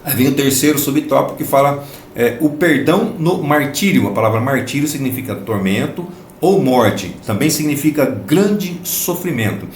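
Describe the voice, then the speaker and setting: A man's voice: medium pitch, expressive, moderate pace, roomy sound, a little hiss or hum. A man from Brazil teaching a Sunday school Bible lesson, explaining each point emphatically and repeating phrases for stress.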